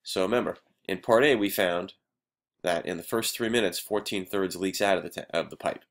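Male teacher, very low voice, a bit unwell, patient step-by-step lesson delivery. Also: normal speed. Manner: patient step-by-step explaining, frequent "right?". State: under the weather, voice affected. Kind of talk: recorded math lesson.

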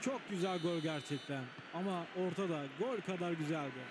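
Male football pundit, fairly high voice, short reactive comments, recorded with very loud background noise. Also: moderate pace.

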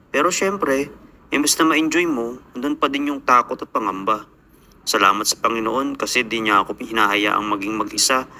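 A man's voice: mid-range voice, bright, forceful tone, slight background noise. A young Filipino man, an overseas worker, telling his life story in a reflective, earnest voice-over. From Philippines.

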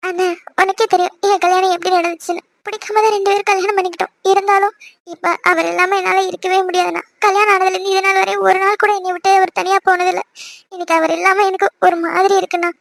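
Lady doing a squeaky young cartoon sis, chatters fast, pretty emotional. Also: level tone, creaky. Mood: tearful. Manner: pleading and tearful, quick chatter. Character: young married sister, emotional and lively. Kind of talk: animated cartoon dialogue.

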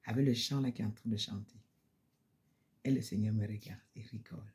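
A woman's voice: a bass voice, fairly even intonation, brisk, dark tone. A woman giving an emotional spoken testimony in church, repeating phrases and sometimes dropping to a near-whisper.

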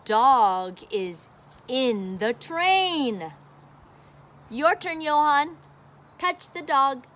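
Outdoors on a patio by a brick wall, a woman teacher in her forties reads a picture book aloud to a child, filmed on a phone at arm's length. Her high voice is expressive with a fairly bright tone. She keeps the lesson slow, simple and encouraging.

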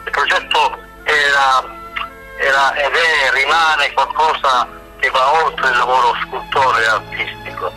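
Man on speakerphone, bright hesitant voice. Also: medium pitch, steady tone, a little slow, soft background music. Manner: reflective, hesitant, many verbal fillers. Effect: phone call heard over speakerphone. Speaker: sculptor called in by phone. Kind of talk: live phone-in interview.

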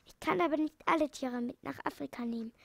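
A woman's voice: sits high, fast, creaky, no room sound. A woman reading a kindly old animal doctor. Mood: earnest. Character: kindly male animal doctor, calm and caring. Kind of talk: storybook reading.

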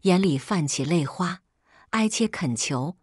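A woman reads a first-person melodrama in a steady, dramatic storytelling manner. Her voice sits a little low, and the recording is dry and close. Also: unhurried, dry recording. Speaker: story narrator. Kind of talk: first-person audio novel reading.

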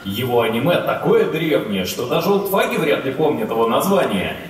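A man's voice: medium pitch, very animated, brisk, a little hiss or hum, close to an everyday voice. A man playing a whiny, jealous, nervous anime has-been in a parody stage skit. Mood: explaining. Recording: echoey hall, far off, loud music.

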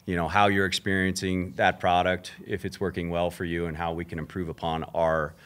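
A man with a very low, smooth and resonant voice, speaking as a guest on a live stage panel. He sounds steady and businesslike as he describes his company. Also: fairly quick. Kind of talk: panel talk. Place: stage before a live audience.

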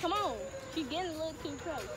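A young woman chatting casually to her camera outdoors on a hot day, animated and slangy, raising her voice over others. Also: very high voice, fast talker, over music. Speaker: vlogger. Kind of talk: casual vlog chat. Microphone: handheld camera.

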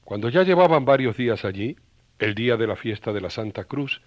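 An actor narrating a religious radio serial in a folksy, old-style storytelling manner. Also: male voice, medium pitch, lively intonation, a little fast, dry recording, dull audio, lightly acted.

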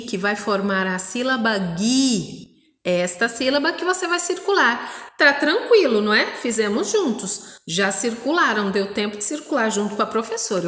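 Brazilian teacher, drawn-out syllables, echoey. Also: female voice, a little high, a bit bright. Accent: Brazilian Portuguese. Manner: slow, drawn-out spelling of syllables with frequent "não é?" checks. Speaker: primary school teacher. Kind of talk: recorded lesson for young children.

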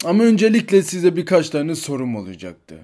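A man's voice: on the high side, sing-song, brisk, dark tone. A man voicing a stern male police officer in a toy figure story, giving curt, bossy orders. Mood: suspicious.

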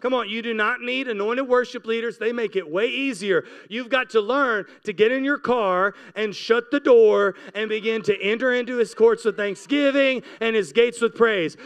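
On a church stage indoors, a pastor in his forties preaches into a close-held handheld mic, reading scripture and exhorting with impassioned, repeated urging. His very high voice is smooth and a bit bright, though the audio is dull.

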